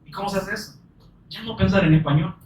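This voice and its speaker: A preacher with a notably high, slightly mellow voice gives an earnest sermon packed with rhetorical questions, reading scripture slowly and emphatically for weight. He sounds distant from the microphone, and the room rings with echo around him.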